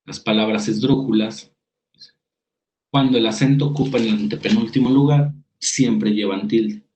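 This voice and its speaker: A man with a fairly low voice and a Mexican Spanish accent gives a spoken lesson on spelling rules. He reads definitions out, then explains them with worked examples in a steady teaching manner, often restarting a phrase as he goes. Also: moderate pace, poor audio. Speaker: writing workshop instructor. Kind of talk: spoken lecture over slides.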